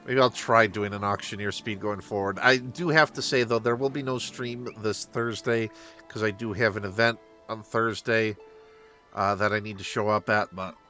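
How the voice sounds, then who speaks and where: Young male streamer, lower voice with a bright edge, rambling casual chat over faint background music. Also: fairly even intonation. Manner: rambling, self-aware about talking fast. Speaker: streamer host. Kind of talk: casual livestream gaming chat.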